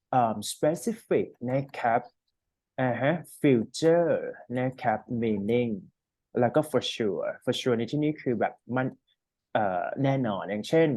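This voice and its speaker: Man tutoring English, animated pitch, mellow tone, dry sound, casual one-on-one lesson. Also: no echo. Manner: explains with many fillers and checks.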